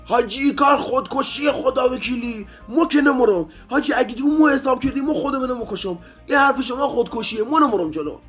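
Guy putting on a high shouty young soldier voice, keeps protesting, faint music behind. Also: few pauses. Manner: high-pitched shouting, insistent pleading. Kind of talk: storybook character voice.

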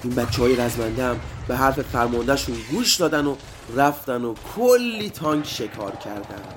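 A man narrating a story and speaking directly to children in a lively way. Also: mid-range voice, a little hiss or hum. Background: faint music.

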